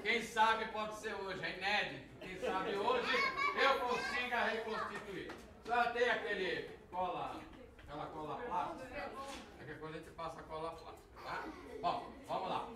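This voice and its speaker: A man's voice: high-pitched, expressive, measured pace. A Brazilian man working as a kids party clown magician, giving playful patter and short coaxing instructions to a volunteer. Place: large echoey room with audience. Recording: echoey, distant, noisy live crowd recording.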